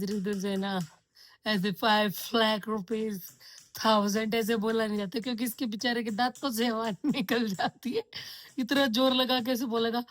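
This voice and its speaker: A woman talking casually into a handheld phone camera as she vlogs her day. Her talk is chatty and full of storytelling, with English words slipped in. The tone stays relaxed and conversational throughout. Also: on the high side. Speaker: vlogger. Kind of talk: casual daily vlog. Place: home, then office.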